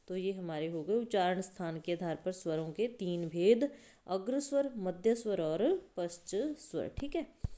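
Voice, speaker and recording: Warm-voiced woman teaching grammar. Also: mid-range voice. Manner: repeats key terms, asks and answers her own questions; sounds out vowels to demonstrate. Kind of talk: exam-prep grammar lesson.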